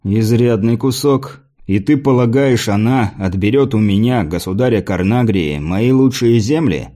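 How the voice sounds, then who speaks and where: Stern warrior king read by a man, curt, commanding, scornful, dark low voice, audiobook. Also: unhurried, close to an everyday voice. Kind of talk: audiobook character voice.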